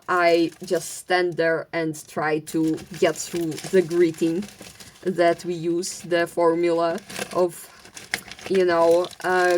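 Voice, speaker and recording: Sorting craft supplies at home, a young vlogger from Ukraine talks casually in a Ukrainian accent, wandering off topic and stumbling over fillers, restarts and the odd stutter. Her voice sits on the low side, and there's a little hiss or hum in the recording.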